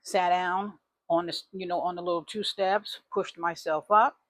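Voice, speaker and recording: A middle-aged woman telling a family story in a casual, animated way, with many fillers and asides. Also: on the low side, measured pace, dry recording. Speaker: vlogger.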